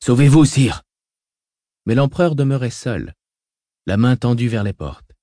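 A man narrating an audiobook in a measured, dramatic reading style. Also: medium pitch, lively intonation, warm tone, no echo, clean studio sound.

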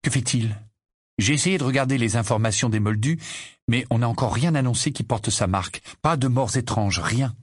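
A man's voice: medium pitch, moderate pace, no room sound, clean studio sound, lightly acted. A man voicing a determined teenage boy who speaks steadily.

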